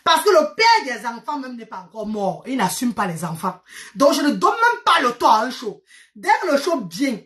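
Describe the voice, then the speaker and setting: Telling chatty stories to her followers, a Cameroonian vlogger speaks French with a Cameroonian accent, her first language being Medumba. She is animated and exclaiming, repeats herself, and mixes in English words. Her voice is on the high side, at a moderate pace.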